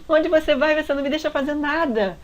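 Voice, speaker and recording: A woman acting out an angry young man who shouts at his girlfriend in exasperation. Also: high voice, fairly quick, voice pushed up, lightly acted. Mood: exasperated.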